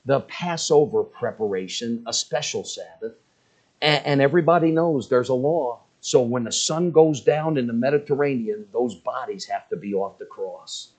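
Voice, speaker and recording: A man's voice: mid-range voice, moderate pace, a little mellow, slightly rough. A man preaching a sermon with emphasis, throwing rhetorical questions to his congregation.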